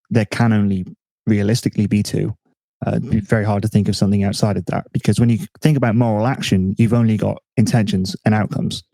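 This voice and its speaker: A man hosting a casual podcast chat, relaxed and self-mocking, thinking aloud with restarts. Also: lowish voice, gravelly, dry recording. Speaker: podcast host.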